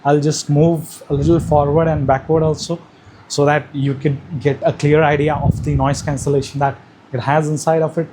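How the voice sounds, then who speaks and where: A man's voice: fairly high pitch, level tone, normal speed, warm tone, rough recording. Male gadget reviewer, hesitant delivery, voice squeezed by a mic's active noise cancellation, slight hiss left behind. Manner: hesitant, with frequent "uh" fillers. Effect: wireless mic with active noise cancellation on, processed sound. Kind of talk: product demo. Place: room with a fan running and traffic outside. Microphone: wireless clip mic into a phone.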